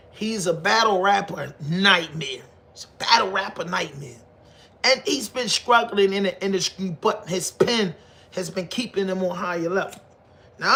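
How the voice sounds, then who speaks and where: A man's voice: sits high, pushed and bright. A man with a Baltimore accent talking casually to viewers in slangy, profane, emphatic speech, often repeating his phrases. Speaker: online commentator on hip hop. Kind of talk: casual unscripted talk to viewers.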